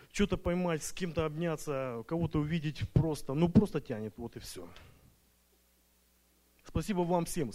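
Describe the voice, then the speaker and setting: A man with a fairly high, mellow voice testifies at a church retreat, speaking Russian as a second language. His delivery is nervous and hesitant, packed with fillers and restarted sentences.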